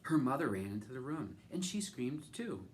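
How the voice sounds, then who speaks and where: A man reading a children's picture book aloud in an expressive narration with dramatic emphasis. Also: medium pitch, moderate pace. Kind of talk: animated read-aloud narration. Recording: faint background noise.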